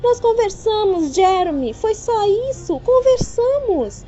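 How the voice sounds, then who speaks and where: A high, sharp-tongued young fiancée in an audiobook, as a woman narrator puts her on. She fires back indignant retorts in a dark, mellow tone. The recording is dull and lo-fi, with faint music underneath. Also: big pitch swings, a little fast. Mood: furious. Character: young woman, defensive then furious fiancée. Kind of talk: audiobook character reading.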